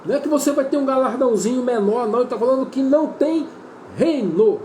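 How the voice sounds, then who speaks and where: A man's voice: very high-pitched, expressive, quick pace, darkish tone, slight background noise. A man preaching a sermon with a Brazilian Portuguese accent, earnest and repetitive, often calling his listeners brother. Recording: roomy echo with faint ambience.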